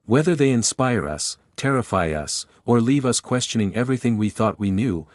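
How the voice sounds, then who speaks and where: A man's voice: medium pitch, expressive, normal speed, dry recording, studio quality. A man hosting a video and reading scripted narration.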